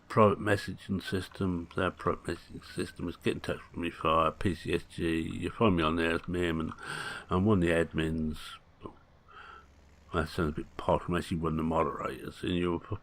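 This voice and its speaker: A man's voice: sits low, fairly bright tone. A man, chatting casually through gameplay commentary with rambling, jokey asides. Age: 60s. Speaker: gaming channel host.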